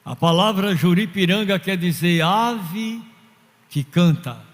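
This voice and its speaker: A man's voice: high-pitched, takes it slowly. A man preaching a fervent sermon as pastor in a church, telling stories and acting out the people in them. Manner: fervent preaching with story-telling and quoted voices. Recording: long hall reverb.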